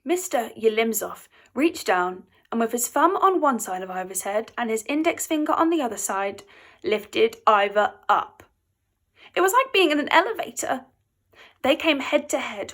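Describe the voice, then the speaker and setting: Lively woman reading a children's story. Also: a little high, normal speed. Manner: playful, expressive reading.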